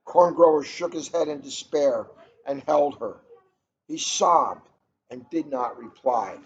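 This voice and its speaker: This middle-aged man, a police officer, speaks slowly at medium pitch as he reads a storybook aloud and chats casually in between passages, on a muffled, noisy room recording.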